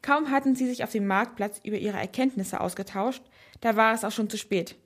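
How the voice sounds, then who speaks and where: A woman reading a storybook aloud in an expressive, lively way. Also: on the high side, brisk. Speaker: narrator.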